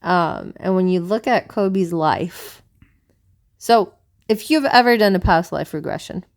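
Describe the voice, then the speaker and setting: This podcast co-host, a woman from South America, muses and rambles earnestly in casual conversation. She speaks on the low side, with a clear, resonant tone.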